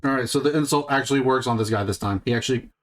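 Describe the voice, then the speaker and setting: Game master, male, mid-pitched and patient: talks the rules through out loud and corrects himself along the way. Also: very fast, a little hiss or hum. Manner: explains rules patiently, thinking aloud with restarts. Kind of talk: running a tabletop game session.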